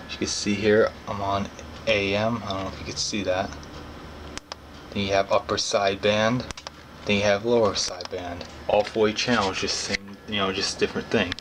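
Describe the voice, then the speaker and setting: Talking to camera about his hobby, a young man rambles in a folksy, informal manner. He's a young adult vlogger with a fairly low, level voice and a moderate pace, recorded with clearly noisy background ambience.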